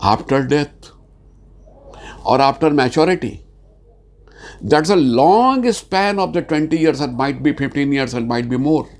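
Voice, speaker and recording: His voice is a little high and animated: a Bihari man using Hindi-accented Indian English in an insurance training session. He speaks slowly and falteringly, saying "uh" often, and raises his voice to underline key ideas.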